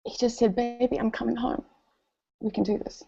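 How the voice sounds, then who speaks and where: A slightly high, creaky voice belongs to a New Zealand woman speaking briskly with a New Zealand accent at a company event. Her motivational speech features animated stories in which she voices what others said, all in lo-fi sound.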